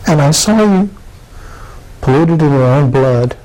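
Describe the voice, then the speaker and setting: A man's voice: a little high, expressive, a little slow, a little mellow, poor audio. A man voicing God, solemn and emphatic.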